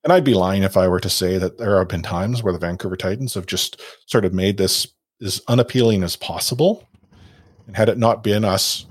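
Speaking into a podcast mic, a man hosts a casual show in a slightly low voice. He rambles, with frequent fillers, restarts and self-deprecating asides, and there is no room sound.

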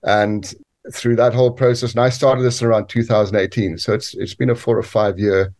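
A man who grew up on a farm in Zambia and lives in the UK, answering interview questions in a measured way with frequent restarts. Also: on the low side, flat delivery, darkish tone. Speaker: guest, cofounder.

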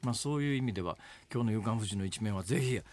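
A man's voice: fairly low pitch, very fast, no room sound. A man hosting a radio show, chatting casually and wryly retelling a newspaper story. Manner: animated, wry storyteller reading a newspaper aloud. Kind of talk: casual radio talk with news commentary. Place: radio studio.

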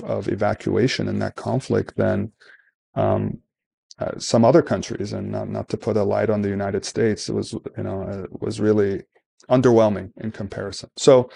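A man from Sudan talks through policy questions in an interview, measured and deliberate, often pausing and restarting. His voice sits low with a gravelly edge. The recording is dry and close. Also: dark tone, dry recording. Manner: measured, thoughtful, frequent fillers and restarts. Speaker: guest, think-tank program director. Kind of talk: conversational interview.

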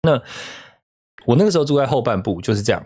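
Lively Taiwanese man telling stories. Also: mid-range voice, fast, breathy edge. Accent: Taiwanese Mandarin. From southern Taiwan. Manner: animated storytelling, laughs often. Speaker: podcast co-host. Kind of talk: casual chat.

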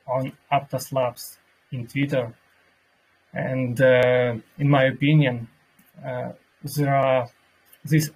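A man who is a native Russian speaker, hosting an online workshop and introducing a guest in a halting way, searching for words, with a slightly husky voice. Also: mid-range voice, poor audio. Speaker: host of an online crypto community workshop.

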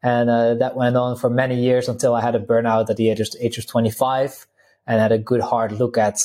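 A Dutch man in his thirties, a vegan health coach, is a guest in a casual interview, speaking with a Dutch accent in a mellow, medium-pitched voice. His tone stays level and his pace is brisk. He's chatty and laughs easily, and his speech is full of fillers and restarts.

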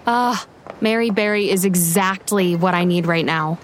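An actress playing an anxious, uptight young American bride-to-be and affectionate big sister in a naturalistic audio drama. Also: female voice, on the low side, moderate pace, slight background noise, natural voice. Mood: weary, wry. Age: young adult. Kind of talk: scripted audio drama, naturalistic dialogue and narration.

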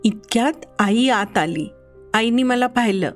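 Brief: a woman reading a children's story as a boy, high voice, unhurried and expressive. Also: soft background music. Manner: expressive, childlike first-person telling. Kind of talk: first-person children's story narration.

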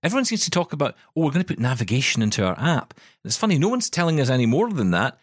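A man's voice: medium pitch, very animated, rapid-fire, no room sound, clean studio sound. A male podcast host chatting casually and expressively about tech news, a little self-deprecating. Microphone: studio microphone.

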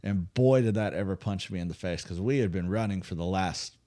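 Lowish-voiced man retelling a Bible story. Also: fairly quick. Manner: animated storyteller, acts out voices with humor. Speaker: co-host of a faith podcast.

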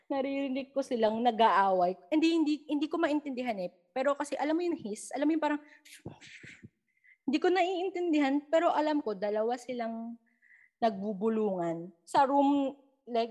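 Young Filipina woman, guest storyteller, chatty, code-switching, acts out quotes. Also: high voice. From Philippines. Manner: mixes English into Tagalog, animated retelling with quoted dialogue. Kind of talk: casual storytelling chat.

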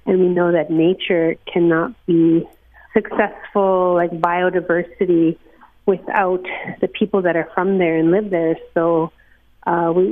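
A woman from northern Manitoba speaks earnestly over the phone, pausing with fillers as she reflects. Her voice sits low and stays fairly even in pitch. The line is thin and tinny, with a dry sound. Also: dry recording. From northern Manitoba, Canada. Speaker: interview guest, executive director of a watershed alliance. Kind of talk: phone interview.

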